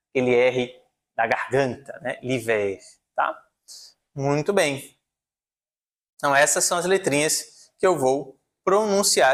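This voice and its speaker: In an online French lesson, a man with a slightly high voice walks through pronunciation rules one step at a time, writing on a board as he explains. He regularly checks in with his listeners.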